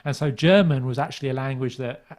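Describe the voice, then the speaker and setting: A man's voice: medium pitch, fast, darkish tone. An English man co-hosting a podcast, telling stories in a rambling casual chat and often correcting himself mid-sentence. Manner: rambling, self-correcting storyteller. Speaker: podcast co-host.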